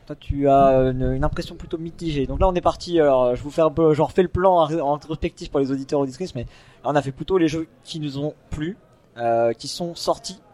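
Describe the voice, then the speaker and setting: A man's voice: a little high, brisk, warm tone. Man hosting a casual podcast chat. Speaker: podcast host.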